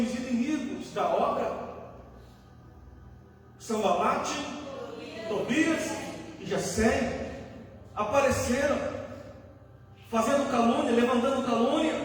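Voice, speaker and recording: A man's voice: very high voice, slight background noise. A Brazilian man preaching a fervent sermon to a church, asking the crowd questions and answering them himself. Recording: echoey hall from a far-off mic.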